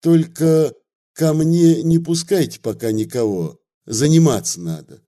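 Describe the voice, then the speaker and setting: A sly visiting official gives short, businesslike requests, as a man narrating a story voices him. The delivery is slow and the tone mellow and warm. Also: on the high side, pitched above the performer's own voice, lightly acted. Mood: curt. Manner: curt and businesslike.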